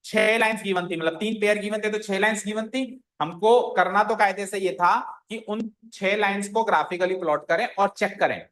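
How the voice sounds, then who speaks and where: A man's voice: sits high, a bit bright, roomy sound, poor audio. A male maths teacher, lecturing a class step by step and often checking whether the students are following. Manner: explains step by step, keeps asking the class if they follow.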